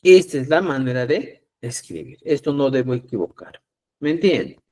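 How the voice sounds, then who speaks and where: A man from Peru teaching a live online class, patiently explaining and often checking understanding with a quick "¿ya?". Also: mid-range voice, vocal fry, a little mellow. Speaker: Quechua teacher.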